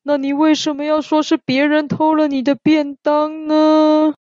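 A woman voicing a patient schoolteacher who speaks in a gentle, measured way. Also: sits high, monotone, no room sound, lo-fi sound. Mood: calm.

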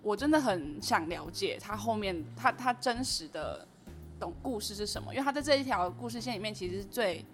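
A woman's voice: medium pitch, expressive, a little fast, a bit bright. A young woman with a Taiwanese Mandarin accent, chatting casually as a panelist on a book podcast. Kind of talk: casual chat. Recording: music behind the talk.

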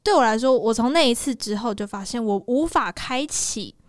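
一位台湾口音的年轻女性播客主持人，在闲聊中语气温和、若有所思，会认真回应对方。. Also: female voice, fairly high pitch, moderate pace, no echo, clean studio sound. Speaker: podcast co-host. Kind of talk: casual chat.

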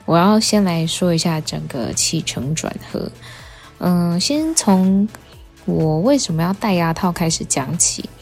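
A young Taiwanese woman hosting a casual, rambling monologue with halting self-corrections, talking with a dental retainer in, so her articulation is slightly wet. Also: fairly low pitch, animated, darkish tone, faint music behind. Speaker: podcast host.

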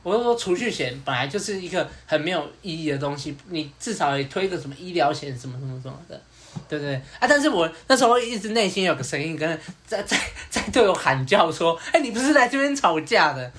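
A man hosting a podcast, telling a story in a casual, animated way, repeating words and acting out what others said. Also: fairly high pitch, fast talker, slight background noise. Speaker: podcast host.

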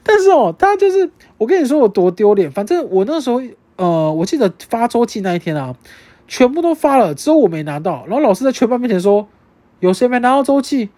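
Fast, lively Taiwanese-accented podcast host. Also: medium pitch, dry recording. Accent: Taiwanese Mandarin. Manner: animated, swears freely, many restarts. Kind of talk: casual storytelling chat.

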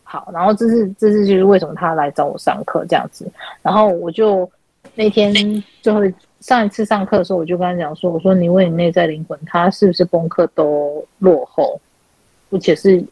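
A woman's voice: lowish voice, moderate pace, warm tone, dry recording, rough recording. A woman, hosting an online chat and animatedly retelling counseling sessions, acting out quoted dialogue. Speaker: podcast host and spiritual counselor. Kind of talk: casual chat, telling client stories. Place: online chat room call.

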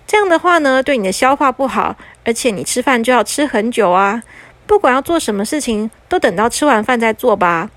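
A woman's voice: on the high side, lively intonation, fairly quick, fairly bright tone, no room sound. A woman voicing a playful male magician who teases a child with mock innocence. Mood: lecturing.

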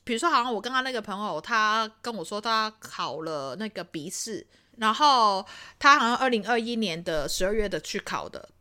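A woman in her thirties from Hong Kong chatting casually as a podcast host, telling things in an expressive, exclaiming way. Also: mid-range voice, moderate pace. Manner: expressive, exclaiming storyteller with frequent laughter. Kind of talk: casual chat.

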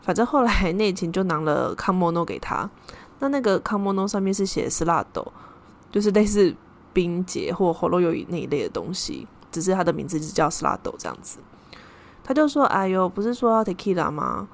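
Hosting her podcast, a young Taiwanese woman recounts a story casually and conversationally, slipping Japanese words into her speech. She sounds lowish, creaky, and very animated, speaking at a brisk clip.

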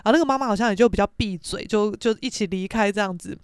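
A woman's voice: mid-range voice, rapid-fire, clear, resonant tone, no echo, studio quality. A young woman with a Taiwanese Mandarin accent, casually telling a story as a podcast host, brash and sweary, acting out the other people's voices. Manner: animated, acts out quoted voices.

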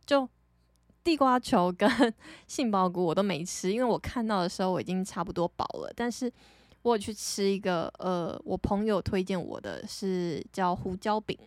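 A woman's voice: medium pitch, moderate pace, no room sound. Young taiwanese woman podcasting, chatty and laughy, mid voice, dry close mic. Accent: Taiwanese Mandarin. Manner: chatty, animated, laughs often. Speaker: podcast host. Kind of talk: casual storytelling monologue.

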